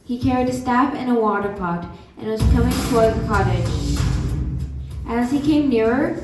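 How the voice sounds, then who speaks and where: Female storybook narrator, even read, mic far away in a reverberant hall. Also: on the high side, normal speed. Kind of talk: scripted storytelling narration for a stage dance drama. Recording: echoey hall from far off, music behind.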